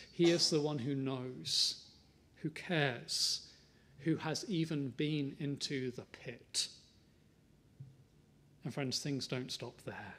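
A man preaching a sermon, earnest and measured, building to emphatic lines and dropping to soft, tender ones. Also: fairly high pitch.

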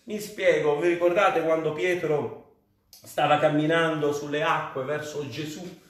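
A man's voice: on the high side, fairly even intonation, a little slow. An Italian man preaching a sermon as pastor, fervent and rising on cries to the Lord. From Italy. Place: church. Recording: very echoey church hall.

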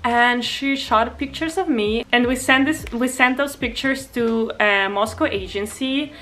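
A woman's voice: a little high, a little slow, pushed and bright. A woman in her twenties from Far East Russia with a Russian accent, chatting casually to camera in a bedroom vlog Q&A, with frequent "um"s and "like"s. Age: 20s. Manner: chatty, frequent "um" and "like", light laughs. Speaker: vlogger. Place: bedroom, indoors. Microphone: camera at close range.

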